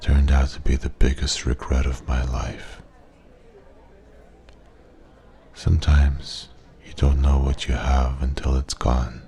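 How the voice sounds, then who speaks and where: Man playing a very deep, gravelly old sage. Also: completely flat delivery, full character voice. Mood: earnest, tender. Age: older. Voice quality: soft-spoken, gravelly. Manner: old sage, slow, gentle, earnest counsel. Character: wise, regretful old man at a pub, an old sage giving life advice. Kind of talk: ASMR role-play.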